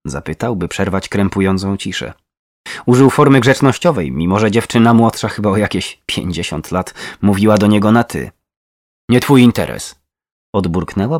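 Male true crime narrator, low and expressive, dry close recording. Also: no echo. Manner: dramatic, tense narration.

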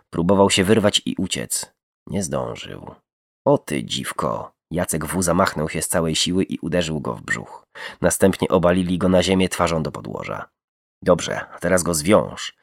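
A man's voice: sits low, vocal fry, no echo, studio quality. A man narrating a true crime story dramatically. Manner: dramatic, shifts tone for quoted speech.

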